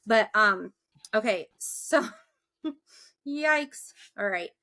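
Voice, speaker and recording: A woman's voice: medium pitch, lively intonation, drawn-out words, bright, forceful tone. A young woman hosting a podcast in casual, chatty talk, laughing often. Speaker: podcast host.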